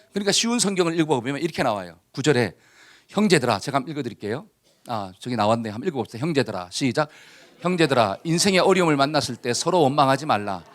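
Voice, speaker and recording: A man's voice: mid-range voice, fairly bright tone. A middle-aged male pastor preaching a sermon, leading the congregation in call-and-response and dropping to a whisper at times. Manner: drops to a whisper for inner voices.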